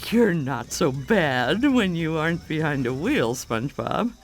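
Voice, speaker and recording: Slow, expressive Mrs. Puff. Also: female voice, low voice, slight background noise. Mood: grateful. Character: gentle, matronly middle-aged pufferfish lady teacher. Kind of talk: cartoon game character acting.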